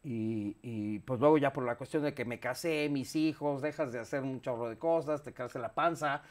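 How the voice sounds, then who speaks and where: A man in his fifties with a Mexican accent, talking candidly as an interview guest, animated and swearing freely, recorded on a lapel mic in a studio. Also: mid-range voice, moderate pace. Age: 50s. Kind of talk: casual interview chat. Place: studio set with sofa.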